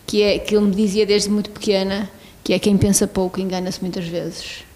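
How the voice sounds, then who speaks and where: A woman hosting a casual podcast conversation, speaking in a measured, deliberate way. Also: mid-range voice, flat delivery, a little mellow.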